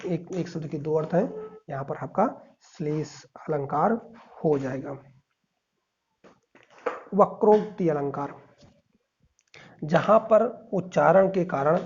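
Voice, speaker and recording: A man's voice: fairly high pitch, takes it slowly, long pauses, a little mellow, muffled recording, slight background noise. A male teacher giving an exam-prep grammar lesson, explaining step by step and reciting verse examples.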